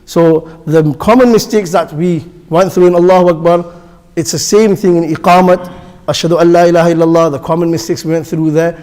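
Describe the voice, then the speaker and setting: High-voiced man teaching in a reverberant hall. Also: steady tone, moderate pace, darkish tone. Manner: patient, repeats each point and demonstrates pronunciation. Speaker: instructor teaching the call to prayer. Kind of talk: classroom instruction. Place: mosque hall.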